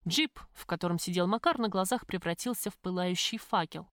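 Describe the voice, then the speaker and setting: A woman narrating a first-person audiobook in a lively, expressive reading. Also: lowish voice, a little fast, no echo, clean studio sound.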